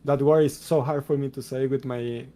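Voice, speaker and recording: A man with a Spanish accent answering community questions on a voice call in a relaxed, explanatory way. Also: medium pitch, moderate pace. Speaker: game developer answering questions. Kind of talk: casual voice-chat Q&A.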